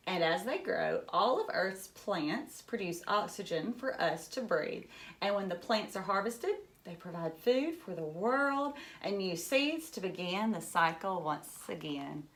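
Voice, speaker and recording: A woman teacher reads a children's book to young listeners in an animated, slightly bright mid-range voice at a measured pace. Along the way she gives simple, encouraging explanations in short phrases and asks them questions.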